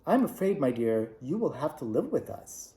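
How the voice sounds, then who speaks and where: A man voicing a kindly little old witch woman in a storybook reading, with a gentle, solemn manner, raised higher than his own voice. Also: big pitch swings, normal speed. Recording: echoey room.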